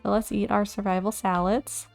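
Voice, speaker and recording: A woman talks through her gameplay in a loose, chatty way, thinking out loud and getting excited at surprises. Her pitch sits in the middle range. Soft music plays faintly behind her. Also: normal speed, gravelly. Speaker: let's play host. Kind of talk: casual gameplay commentary.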